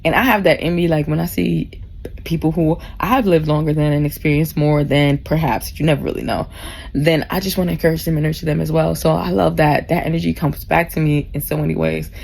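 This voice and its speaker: A woman's voice: sits low, fairly even intonation, fairly quick, creaky, darkish tone, husky. A woman of about forty rambles drunkenly in a casual vlog, effusive and heartfelt, swearing freely and losing her thread. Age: 39, nearly forty. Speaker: vlogger. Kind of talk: casual rambling rant to camera. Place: cruise ship cabin. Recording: faint background noise.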